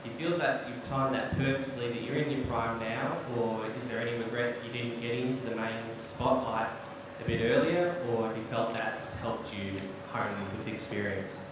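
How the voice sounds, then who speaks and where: A man's voice: medium pitch, normal speed, hardly any pauses. A man asking questions as a reporter at a press conference. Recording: echoey press hall, distant, noisy.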